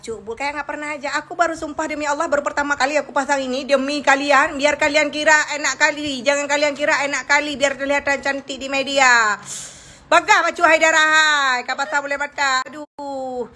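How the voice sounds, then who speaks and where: A woman's voice: high-pitched, fairly even intonation, a little fast, pushed and bright. A young woman with an Acehnese accent doing a comic vlog rant, complaining with exaggeration and slipping into local dialect. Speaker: social media comedian.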